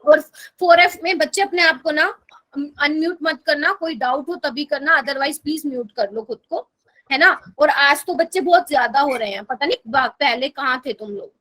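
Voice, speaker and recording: A woman with a high voice teaches a chemistry lesson online. She speaks with a Hindi accent. She walks through each step and keeps asking her students whether they are following. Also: moderate pace, a bit bright. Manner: explains step by step, asks students to confirm with "okay?". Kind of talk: online class lecture.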